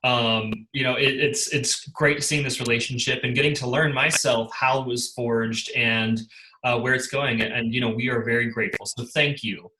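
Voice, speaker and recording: A man hosting an interview for a theater, asking halting questions full of fillers. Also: medium pitch, fairly even intonation, sharp tone, reverberant, rough recording. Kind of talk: casual interview.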